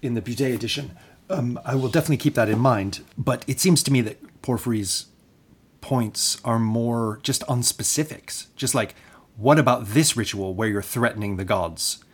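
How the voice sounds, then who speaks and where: A man's voice: mid-range voice, normal speed, husky. A man hosting an academic interview, engaged and conversational, with some hesitations. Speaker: podcast host.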